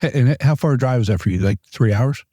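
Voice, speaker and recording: A man hosting a relaxed chat, his voice warm and dark, at a mid pitch. He often stumbles and repeats words as he talks. The sound is close and dry. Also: quick pace, breathy edge, no echo. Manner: laid-back, stammers and repeats words. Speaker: podcast host. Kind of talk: casual chat.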